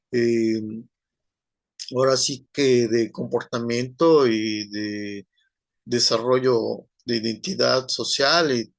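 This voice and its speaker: Speaking to an online class, a male teacher with a mid-range, slightly bright voice lectures slowly and deliberately. He rambles, stopping often and relying on fillers and tag questions. The recording is dry and close, with no echo.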